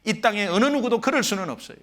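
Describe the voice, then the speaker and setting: High, animated male pastor preaching. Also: fast. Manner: emphatic, animated preaching with shifts between loud and hushed. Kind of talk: sermon. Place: church sanctuary.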